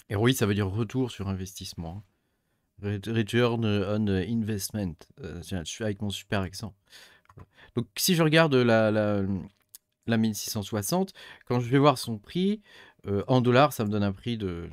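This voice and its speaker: Man, low voice, hesitant, lots of fillers and restarts, casual screen-share explainer, dry close sound. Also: a little mellow, no echo. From Europe. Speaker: crypto mining YouTuber.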